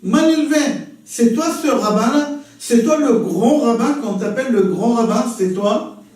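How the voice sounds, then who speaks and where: A man doing a rude, pushy heckler with a high voice. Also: moderate pace, darkish tone, far from the mic. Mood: needling. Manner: pushy, mock-polite. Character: rude provocative grown man. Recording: very echoey room, voice from afar.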